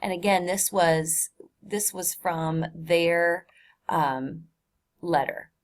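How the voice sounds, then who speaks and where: A woman's voice: fairly low pitch, very slow. A woman teacher explaining a text in a recorded online lesson, in a casual, chatty way with many fillers.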